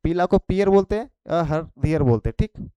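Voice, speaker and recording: A man's voice: a little high, expressive, brisk, warm tone, clean tone, dry recording, highs cut off. Man teaching with a Khortha accent. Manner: repetitive, checks with "ठीक है" after each point. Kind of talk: exam prep vocabulary lesson.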